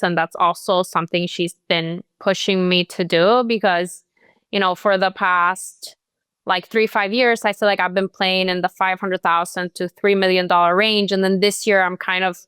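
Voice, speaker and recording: Chatting casually as an interview guest, a young real estate agent from Colombia describes her career, peppering her speech with "like" and "you know." Her voice is lowish, smooth, clear and fairly bright, captured in a close, dry recording.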